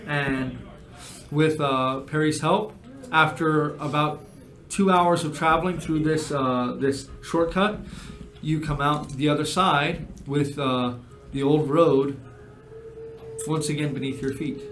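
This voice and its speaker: A man with a fairly high voice narrates a tabletop game as its game master, stopping now and then to correct himself. The room around him is echoey, and music plays faintly behind his voice. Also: fairly bright tone. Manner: slow descriptive narration with frequent self-corrections.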